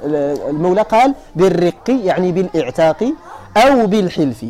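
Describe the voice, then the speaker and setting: A man with a Moroccan accent giving a classroom lecture on hadith terms, explaining each point and often asking his students whether it is clear. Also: sits high, sing-song, normal speed, warm tone. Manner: explains then checks if students follow. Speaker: teacher of hadith sciences.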